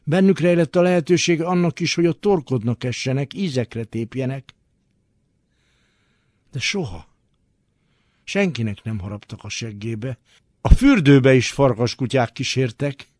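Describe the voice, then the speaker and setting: A man giving a dramatic literary reading, expressive and swinging between hushed and forceful delivery. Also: mid-range voice, long pauses, no echo, studio quality. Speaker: reader.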